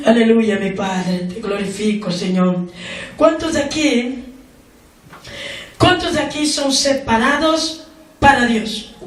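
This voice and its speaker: High-voiced woman preaching slowly. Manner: slow emphatic preaching with call-and-response questions. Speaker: pastor. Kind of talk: sermon. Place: church hall. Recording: echoey church room from far off.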